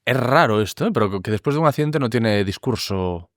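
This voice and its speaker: A man hosting an interview, asking animated questions and sharing anecdotes. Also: mid-range voice, brisk, dry recording, studio quality. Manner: animated, questioning, acts out inner voices. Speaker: podcast host. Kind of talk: conversational interview.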